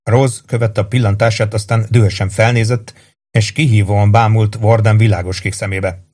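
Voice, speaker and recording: A man's voice: fairly low pitch, steady tone, darkish tone. Male audiobook narrator. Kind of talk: scripted novel narration.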